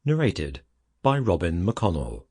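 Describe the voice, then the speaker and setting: A man with a very deep voice reads a horror audiobook in the first person. His delivery is measured, with dry, wry touches. The close, dry recording has no room sound. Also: wildly swooping pitch, a little mellow, breathy edge, no room sound. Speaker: audiobook narrator. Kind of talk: scripted horror narration.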